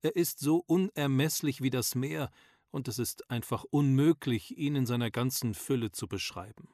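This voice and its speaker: A devout old father speaks in an audiobook, his voice thin and fluttering with age. He sounds lifted and a touch louder than the storyteller's own tone , as a man does the voice. The reading is close and dry, with no room around it. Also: medium pitch, moderate pace, no room sound, close to an everyday voice. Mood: tender. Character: frail elderly father, gentle and devout. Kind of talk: audiobook character voice.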